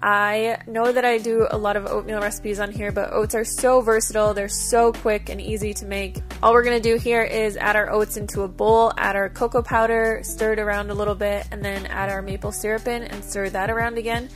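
A woman's voice: mid-range voice, little pitch movement, fairly quick, hardly any pauses. A woman giving a chatty, upbeat voice-over for a cooking vlog, explaining each step in a casual way. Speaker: vlogger. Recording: music playing behind. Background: background music.

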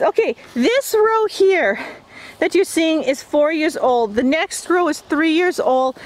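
Middle-aged woman, eager garden vlogger, slightly high voice, handheld camera outdoors. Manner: enthusiastic, chatty, gets excited about plants. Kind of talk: casual garden tour. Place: outdoors, greenhouse and yard.

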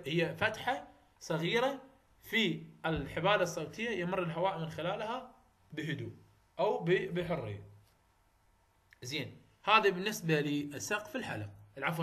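A man's voice: on the high side, pushed and bright. A man with an Iraqi Arabic accent giving a university phonetics lecture, often repeating terms and checking that students follow. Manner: repetitive, checks understanding, mixes English terms into Arabic.

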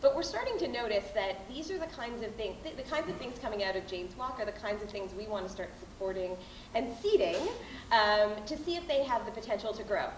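A Canadian woman in her thirties gives a casual, bubbly announcement in an everyday voice of middling pitch. She fills her talk with ums and likes. She is caught by a distant camera in a large, reverberant hall with faint background hiss. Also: lively intonation, a little fast. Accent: Canadian English. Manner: bubbly, chatty, many fillers. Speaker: board chair announcing grants. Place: large hall with a mural, indoors. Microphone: far camera, no microphone.

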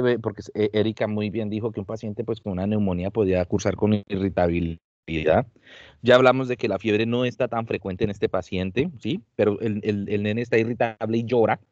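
A man's voice: fairly low pitch, no echo. A man teaching an online medical class, asking his students questions and repeating phrases for emphasis. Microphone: computer mic on a video call. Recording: dull, lo-fi video call audio.

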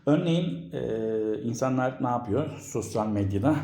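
Male home vlogger, medium pitch, casual halting explainer delivery, strong echo from an uncarpeted room. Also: animated, dark tone. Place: indoors at home, room without carpets. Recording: echoey bare room at home.

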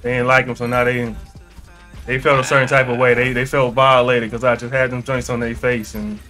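A man with a bright, cutting voice talks over a competitive match. He fires off quick callouts and playful trash talk at his teammates. Faint game music runs underneath. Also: medium pitch, level tone. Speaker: streamer playing a competitive team shooter. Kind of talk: casual gaming chat with teammates.

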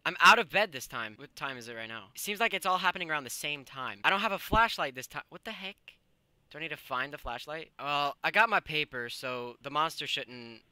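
A man's voice: on the high side, lively intonation, a little fast, pushed and bright, smooth. A young man giving casual, jumpy, slangy commentary while playing a horror game. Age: young adult. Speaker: gaming video host. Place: small room indoors.

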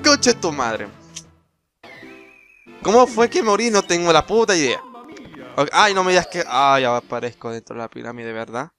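A man's voice: on the high side, fairly bright tone. A young man giving casual, rambling let's-play commentary, exclaiming and laughing at the game. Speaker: gameplay commentator. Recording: voice over game music.

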